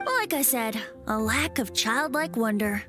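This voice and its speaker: A woman's voice: on the high side, lively intonation, a little slow. A woman voicing a playful, whimsical, youthful bard boy in a video game, teasing and musing as she talks. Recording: background music under voice.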